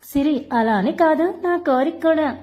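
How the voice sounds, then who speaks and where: A teasing young husband from a storybook, fond and playful with his new bride, read by a woman in her own voice. The voice sits high and light, close to everyday talk. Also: moderate pace, a little mellow, lightly acted.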